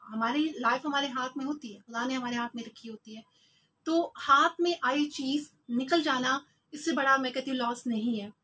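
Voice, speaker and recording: A woman's voice: sits high, normal speed, sharp tone. A young Pakistani woman, hosting a live radio show in a small studio, chatting to listeners and mixing in English phrases. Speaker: radio host. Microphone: large studio mic.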